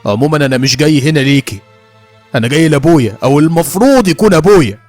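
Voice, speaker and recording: A man's voice: on the high side, lively intonation, rapid-fire, dry recording, faint music behind. A man playing an angry, hurt Egyptian police officer. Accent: Egyptian Arabic. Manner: raised voice, forceful and bitter.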